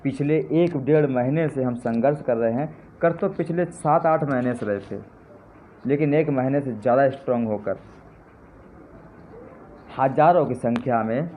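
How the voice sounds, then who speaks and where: This man's mellow voice sits at medium pitch and moves at a normal speed as he gives an impassioned live speech to supporters. His repeated, fervent appeals climb toward indignant jabs, heard through a tinny, faintly noisy phone line.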